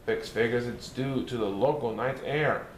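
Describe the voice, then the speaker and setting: A man's voice: mid-range voice, moderate pace, close to an everyday voice. A man voicing a playful, mischievous male cartoon cat, reading a rhyming storybook in a sing-song, bouncy way. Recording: roomy echo, faint hiss.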